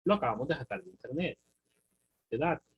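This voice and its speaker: A man's voice: mid-range voice, animated, brisk, husky, lo-fi sound. A man with a Honduran Spanish accent teaching a recorded lesson, thinking aloud through a problem and asking students check questions. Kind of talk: recorded math and physics lesson.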